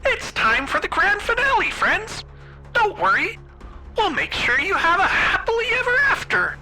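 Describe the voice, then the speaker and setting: A man's voice: extremely high pitch, sing-song, moderate pace, music in the background, voice pushed up, full character voice. A man voicing a gleeful, warped male animatronic mouse mascot who talks in a cheerful but menacing sing-song through a crackling speaker. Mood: gleefully menacing.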